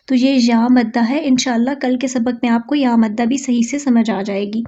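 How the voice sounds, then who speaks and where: A woman teaching Quran recitation, chanting verses slowly and drawn out, then explaining pronunciation patiently. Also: high-pitched, mellow, muffled recording.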